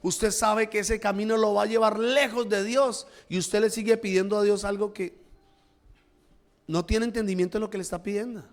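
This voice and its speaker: A man's voice: high voice, steady tone, normal speed. A male pastor preaching a sermon in a church, with emphatic rises and drops, acting out the prayers he quotes.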